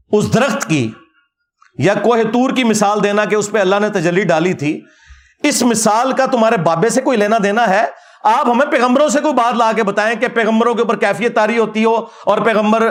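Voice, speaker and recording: Man, high-pitched voice, preacher arguing, animated and mocking. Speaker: Islamic preacher. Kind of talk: religious rebuttal lecture.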